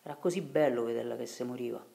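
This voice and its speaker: A man voicing a rowdy teenage Roman boy who yells and mocks in slang. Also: medium pitch, fast talker, creaky, natural voice. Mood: mocking. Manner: shouting, mocking Roman slang.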